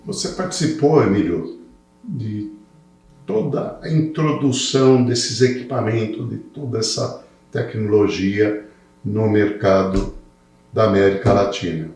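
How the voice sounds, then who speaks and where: Slow male host, far off and echoey. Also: lowish voice, darkish tone. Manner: slow, short prompting questions. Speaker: podcast host. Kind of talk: interview questions.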